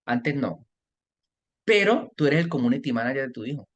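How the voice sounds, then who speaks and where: Podcast guest: Colombian man, 40s, mid-pitched, animated and rambling. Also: moderate pace, highs cut off. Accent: Colombian Spanish. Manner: talkative, animated storytelling with restarts. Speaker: guest, parenting mentor. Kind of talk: casual podcast conversation.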